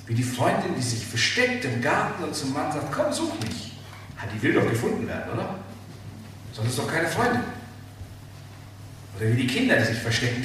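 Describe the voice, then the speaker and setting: A man preaching a sermon, emphatic and animated, asking the listeners rhetorical questions. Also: on the high side, distant mic. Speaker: pastor. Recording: very echoey hall, speaker off-mic, faint room noise.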